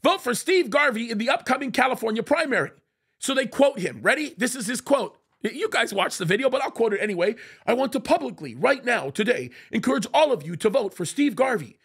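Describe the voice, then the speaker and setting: Speaking fairly quickly with lively intonation, the forties-aged American pastor delivers fiery commentary, reading quotes and firing back at them. His very high voice is gravelly, husky and a bit bright. He sits in a leather chair in a small dark studio, a boom mic in front of him.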